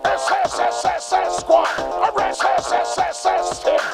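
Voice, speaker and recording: A woman voicing a gleeful, excitable scheming cartoon villain creature, gloating in exclamations with stretched, hissing consonants over music. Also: very deep voice, a little slow, gravelly, full character voice.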